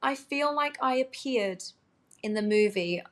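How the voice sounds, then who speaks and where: A woman's voice: fairly high pitch, lively intonation, measured pace. A woman with a Surrey, Home Counties English accent chatting as a guest in a casual interview, gushing and a little self-effacing. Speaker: interview guest, musical theatre performer.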